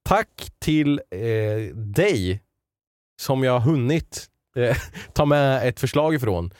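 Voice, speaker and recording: A man's voice: mid-range voice, expressive, a little mellow, no room sound, studio quality. A young man co-hosting a Swedish podcast, chatting casually and loosely with lots of fillers. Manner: loose, filler-heavy, joking. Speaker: podcast co-host running a segment.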